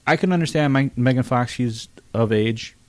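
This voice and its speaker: A man's voice: mid-range voice, moderate pace, darkish tone, dry recording. A man in a casual roundtable movie review, criticizing bluntly and scornfully with plenty of swearing. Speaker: film reviewer.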